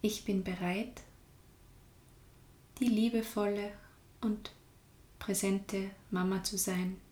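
Calm lady leading a meditation, flat soothing tone, some whispering, echoey room. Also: medium pitch. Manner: slow, calm, soft-spoken, drifts into whispers. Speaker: meditation guide. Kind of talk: guided meditation.

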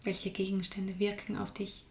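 A woman guiding a meditation in a calm, soft-spoken way, often sinking into a whisper. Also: mid-range voice, moderate pace, creaky, roomy sound. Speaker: meditation guide. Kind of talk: guided meditation.

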